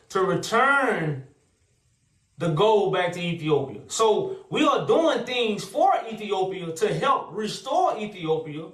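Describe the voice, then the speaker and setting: High-voiced man, echoey and distant. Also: a bit bright. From America. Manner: preachy, talks over others, repeats "sis". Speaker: channel host. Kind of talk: heated live debate.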